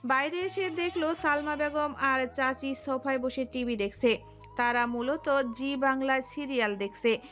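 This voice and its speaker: A woman narrating a romantic audio story in an expressive storytelling manner. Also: high-pitched, measured pace, faint music behind.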